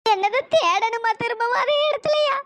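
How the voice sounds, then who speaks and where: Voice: very high-pitched, moderate pace, a bit bright, no room sound. A performer voicing a frightened older sister in a cartoon story, whining and panicking. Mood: panicky.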